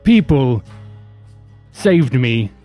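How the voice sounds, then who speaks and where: A man voicing a sheepish, defensive captive in a tabletop game, speaking haltingly. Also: mid-range voice, sing-song, dark tone, pitched below the performer's own voice. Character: sheepish, defensive male captive returning to his masters. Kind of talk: tabletop role-play. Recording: music behind the voice.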